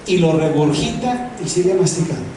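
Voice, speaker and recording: High-voiced preacher in an echoey hall. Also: male voice, moderate pace, a little hiss or hum. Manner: animated, asks rhetorical questions, repeats words for emphasis. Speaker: preacher teaching a theology class. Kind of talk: preaching-style Bible lesson. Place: large echoing church hall. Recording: very echoey hall, voice far from mic.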